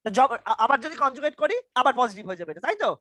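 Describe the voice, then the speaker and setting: A man's voice: extremely high pitch, lively intonation, racing, pushed and bright, no room sound. A young man teaching an online university lecture over a video call. He stammers, repeats his questions and quizzes his students. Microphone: computer mic on a video call.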